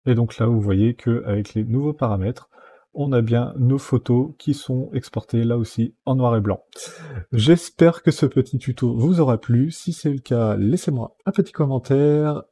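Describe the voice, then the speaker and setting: Husky, dark-voiced man walking through software steps. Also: medium pitch, normal speed. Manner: step-by-step, many fillers like "donc" and "euh". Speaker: software tutorial host. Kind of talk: screen-recorded software tutorial.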